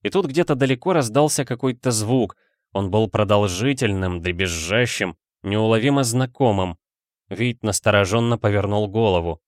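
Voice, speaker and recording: A man narrating an audiobook in a steady storytelling manner. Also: fairly low pitch, normal speed, no room sound, studio quality.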